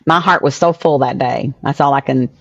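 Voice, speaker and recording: A woman's voice: rumbling low, normal speed, gravelly, husky, dry recording, lo-fi sound. Storytelling woman in her sixties. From southern US small town. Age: 60s. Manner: animated storyteller acting out quoted voices. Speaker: podcast guest. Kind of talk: emotional storytelling interview.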